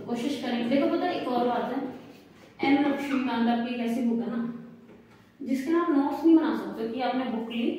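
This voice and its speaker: Lecturing in an echoey room with the mic at a distance, a young woman with a slightly high, dark-toned voice keeps asking "ठीक है?" to confirm her students are following. She tends to repeat herself, and there's slight background noise.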